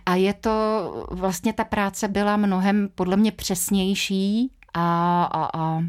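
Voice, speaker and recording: A woman's voice: medium pitch, clean tone. A middle-aged woman, an actress and dubbing artist, chatting in a radio interview and telling stories with quoted voices. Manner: chatty, lively storytelling with fillers and quoted voices. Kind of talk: conversational interview.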